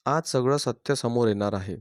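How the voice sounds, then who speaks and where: A man putting on a calm, firm young bride. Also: mid-range voice, moderate pace, no room sound, studio quality, natural voice. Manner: quiet, firm, composed. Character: young new bride, calm, wrongly accused.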